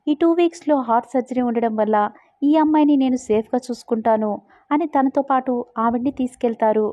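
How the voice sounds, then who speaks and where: A woman's voice: sits high, no room sound. A woman retelling the plot of a romance drama in a storytelling voice, taking on the characters' lines as she goes. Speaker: drama recap narrator. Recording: dry, tinny phone-like sound.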